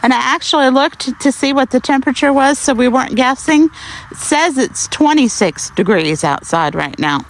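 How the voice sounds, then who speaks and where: A woman's voice: high-pitched, expressive, moderate pace. A middle-aged woman with an Arkansas Southern accent, chatting casually and folksily as she demonstrates outdoor cooking. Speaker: outdoor cooking vlog host. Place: outdoors in snowy cold. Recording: noisy outdoor camera audio.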